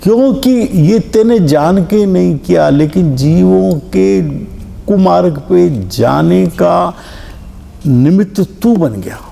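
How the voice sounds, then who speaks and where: Brief: male scripture teacher, gravelly and mellow, slightly high, talks through examples with emphasis. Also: animated. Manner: explains slowly with examples, stresses words. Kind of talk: Jain scripture discourse. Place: discourse hall.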